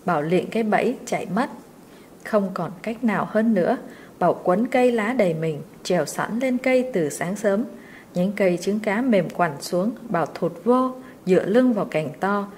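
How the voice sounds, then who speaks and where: A woman storyteller reading a short story aloud in a steady, expressive way. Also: mid-range voice, a little hiss or hum.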